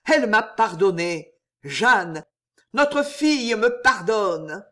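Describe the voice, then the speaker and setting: A man's voice: high voice, measured pace. A man voicing a remorseful aging nobleman in an audiobook, speaking with fervent humility. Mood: overjoyed. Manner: humble, fervent pleading. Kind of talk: audiobook character voice.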